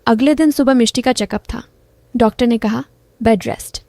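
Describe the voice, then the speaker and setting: A woman's voice: a little high, fairly quick, a little mellow, no room sound. A middle-aged woman narrating a first-person story in a confiding, intimate manner.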